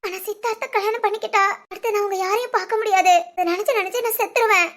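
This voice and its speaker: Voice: very high-pitched, fairly even intonation, fast, fairly bright tone. A performer voicing a tearful young woman in a cartoon, a devoted younger sister who pleads emotionally and insists on her choice. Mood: tearful resolve. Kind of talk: cartoon voice acting.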